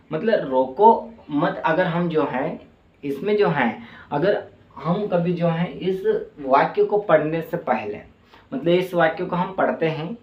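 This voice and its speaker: A male teacher with a Madhya Pradesh Hindi accent gives an online class lesson, explaining slowly with many fillers and repeated checks. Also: fairly high pitch. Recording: roomy, distant, dull mic sound.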